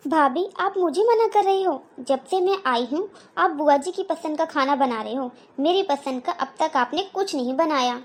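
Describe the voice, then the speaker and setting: High-pitched sulky young wife, whiny, cartoon, performed by a woman. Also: moderate pace, few pauses, close to an everyday voice. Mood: complaining. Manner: whiny, complaining. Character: petulant young married woman, demanding and sulky. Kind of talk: cartoon voice acting.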